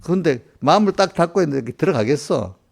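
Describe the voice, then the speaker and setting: Gravelly-voiced folksy pastor preaching. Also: male voice, on the high side, animated, quick pace. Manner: folksy, chatty, asks listeners for agreement. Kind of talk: conversational sermon. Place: church service.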